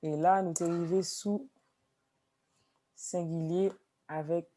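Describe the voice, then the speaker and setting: Woman, classroom lesson, slow pace, slightly low pitch. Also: fairly even intonation, mellow, a little hiss or hum. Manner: explains slowly with repeated examples. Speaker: Haitian Creole teacher.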